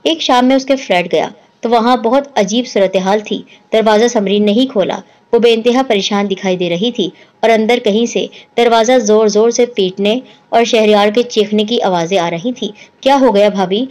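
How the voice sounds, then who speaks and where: A woman narrating a first-person story in a steady, earnest storytelling manner. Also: mid-range voice, few pauses.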